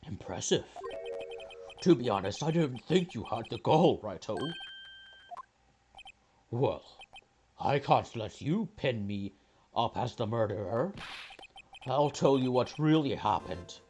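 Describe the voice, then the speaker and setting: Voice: mid-range voice, animated, slow pace, pauses often, darkish tone, faint music behind. A person voicing a scheming, smug old male police chief with an old man voice, in a video game read-aloud. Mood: smug, composed. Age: older.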